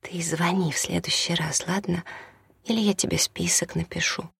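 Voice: mid-range voice, steady tone, normal speed, gravelly, breathy edge, no room sound, clean studio sound, full character voice. Narrator voicing a weary, whispering young mother. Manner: soft, tearful, half-whispered. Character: exhausted, tearful young mother.

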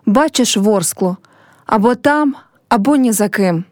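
A woman's voice: fairly high pitch, animated, unhurried, a little mellow, no echo, clean studio sound. A woman reading a play aloud and voicing a young village girl who is heartbroken and proud, speaking in a pleading, reproachful way. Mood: sorrowful.

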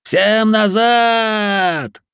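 A man's voice: fairly high pitch, fairly even intonation, normal speed, gravelly, no echo, clean studio sound, pitched above the performer's own voice. A man voicing an exhausted young militiaman who argues and barks orders in an audiobook. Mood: commanding. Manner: shouting, curt, commanding.

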